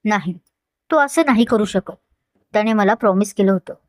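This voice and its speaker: A woman's voice: medium pitch, normal speed, dry recording, studio quality, lightly acted. A woman voicing a hurt, defiant young woman who speaks emotionally and pleadingly. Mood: tearful.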